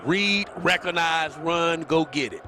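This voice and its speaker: A man, a former defensive back, giving animated, explanatory color commentary on a live football game from a stadium booth. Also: on the high side, takes it slowly, a little hiss or hum. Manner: animated, explaining, laughs easily.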